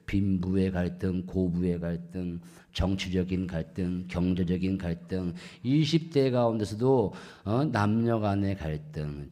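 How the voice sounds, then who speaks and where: A male pastor preaching a sermon in a church, swinging to loud emphatic peaks and putting questions to the congregation. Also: low-pitched. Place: church sanctuary.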